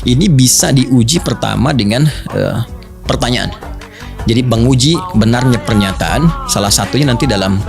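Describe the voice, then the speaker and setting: A man's voice: mid-range voice, normal speed, creaky, over music. A man explaining a point of logic in a teacherly way, chuckling often as he talks. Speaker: preacher in interview. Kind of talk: explaining in conversation.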